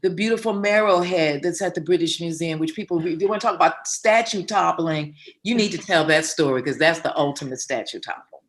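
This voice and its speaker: A woman interviewer talks with eager, effusive enthusiasm, stumbling and repeating words as her thoughts rush ahead. Her voice sits slightly low for a woman. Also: a little fast, few pauses. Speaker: interviewer, playwright. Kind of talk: conversational interview.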